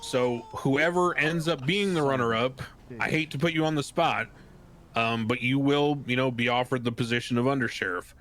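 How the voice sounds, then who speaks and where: Man as a measured, formal election official, mid-pitched. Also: a bit bright, slight background noise, lightly acted. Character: formal, diplomatic male official announcing election results. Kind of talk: improvised game role-play, formal announcement.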